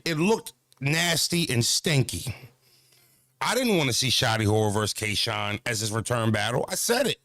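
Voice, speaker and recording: A man in his thirties, just back from the gym, vlogs loosely to camera about battle rap and self-care, swearing freely and peppering his talk with "you know what I mean." His slightly high, fairly bright voice is recorded at studio quality with no room sound.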